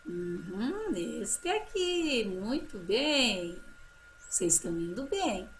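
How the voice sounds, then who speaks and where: A woman teacher giving a children's phonics lesson, drawing out example words slowly and praising her pupils. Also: medium pitch, sing-song, a little hiss or hum. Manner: slow drawn-out model words, encouraging teacher talk.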